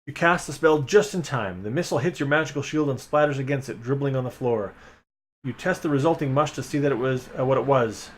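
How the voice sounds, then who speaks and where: A man's voice: mid-range voice, brisk. A man streaming a live reading of an adventure gamebook, reading passages aloud and making chatty, wry asides to his chat. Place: home streaming setup.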